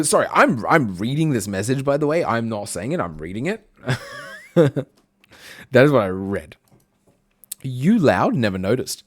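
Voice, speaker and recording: A man's voice: mid-range voice, no room sound, clean studio sound. A man streaming and chatting casually with his viewers, reading their messages aloud. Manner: chatty, reads chat messages aloud, frequent fillers.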